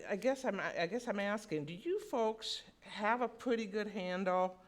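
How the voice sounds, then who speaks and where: Halting middle-aged woman at a podium. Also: on the low side. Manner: halting and conversational, with many restarts. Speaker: public commenter at a school board meeting. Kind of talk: public comment speech. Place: school board meeting room.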